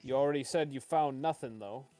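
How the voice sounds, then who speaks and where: A man voicing a suspicious, bargaining leader of a hunter war band, measured and firm. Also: medium pitch, dark tone, no echo, faint music behind, close to an everyday voice, low-quality recording.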